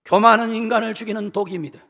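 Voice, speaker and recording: A middle-aged man, a pastor preaching a sermon, dramatically acting out quotes with shouted outbursts and slow, pleading phrases. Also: sits high, steady tone. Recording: church sermon with long hall reverb.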